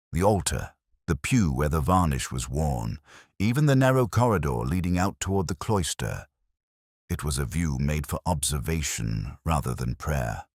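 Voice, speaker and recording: A very deep voice from a male actor plays a world-weary, erudite male police inspector narrating his own detective story. The delivery is measured and reflective, with expressive rises and falls in pitch. The sound is dry and close, with little room around it. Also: dry recording, heavily acted. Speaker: narrator in character.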